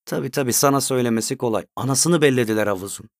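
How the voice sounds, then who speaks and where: A grumpy middle-aged man with a short temper, read by a male storyteller. He talks in a gruff, clipped, low voice. The recording is dry and close. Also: a little fast, no room sound. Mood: irritated. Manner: gruff, curt and snappish.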